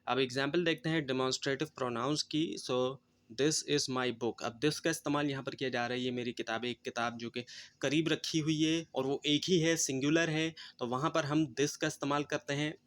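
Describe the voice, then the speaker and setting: A man teaching an English grammar lesson, explaining slowly in Hindi mixed with English terms and pausing with fillers. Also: mid-range voice, fairly even intonation, fairly bright tone.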